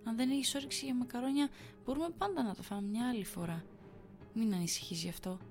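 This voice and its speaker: A woman's voice: on the high side, soft background music, pitched above the performer's own voice, close to an everyday voice. Woman doing a worried, caring girlfriend. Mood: tender. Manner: gentle, pleading.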